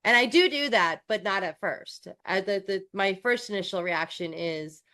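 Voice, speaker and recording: A woman's voice: medium pitch, expressive, moderate pace, pushed and bright. A woman from New York co-hosting a coaching podcast, chatting casually with restarts and self-deprecating asides.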